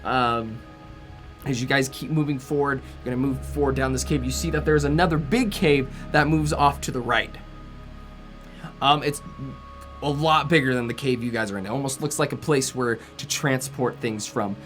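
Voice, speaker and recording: A man's voice: medium pitch, normal speed, a bit bright, soft background music. A man narrating a tabletop game as game master, rambling with many fillers.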